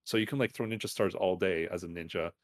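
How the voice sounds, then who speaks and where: A man's voice: low-pitched, fast. A man co-hosting a podcast, chatting casually about games and anime, rambling with lots of fillers and self-corrections. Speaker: podcast co-host.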